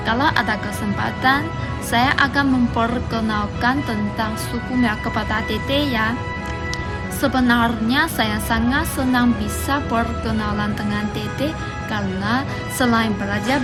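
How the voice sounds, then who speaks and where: A young woman with a Chinese accent introduces herself carefully in Indonesian as a foreign learner. Her voice is on the high side and her delivery is slow and deliberate, with music clearly behind her. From Guangxi, China. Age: young adult. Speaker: university student. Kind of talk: prepared self-introduction.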